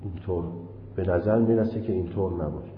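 A man teaching a religious law class in a deliberate way, chanting the recitations he quotes. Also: low voice, fairly even intonation. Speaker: seminary teacher. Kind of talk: jurisprudence lecture. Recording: echoey hall, dull lo-fi.

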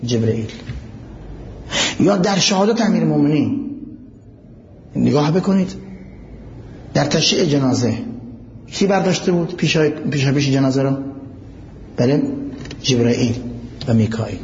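A man's voice: fairly high pitch, lively intonation, long pauses, darkish tone, long reverb tail, muffled recording, a little hiss or hum. A man giving a religious lecture who recites Arabic passages, explains them and puts questions to his listeners. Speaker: preacher.

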